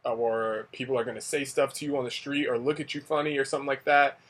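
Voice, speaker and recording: In a laid-back talking-head vlog, a young man from the United States who teaches English in Asia swaps stories quickly in a steady, fairly bright mid-range voice. He wanders through his thoughts with lots of "like" and "you know," looping back repeatedly.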